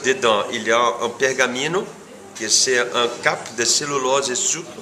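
Bright and forceful, his mid-range voice carries through the clear room noise as he sits indoors facing the camera. The Brazilian-accented man in his forties owns a coffee farm and is giving a casual interview. He stumbles through non-native French, groping for words and repeating himself while explaining.

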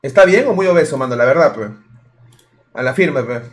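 A man's voice: mid-range voice, expressive, fairly quick. A man with a Peruvian accent, tipsy and rambling in crude, joking casual chat as a livestreamer. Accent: Peruvian Spanish. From Peru. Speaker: streamer.

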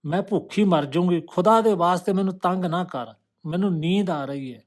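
A man voicing an exhausted, desperate young woman who pleads to be left to sleep and snaps back loudly. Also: high voice, normal speed, voice pushed up, lightly acted. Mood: defiant. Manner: pleading then snapping back, raised voice.

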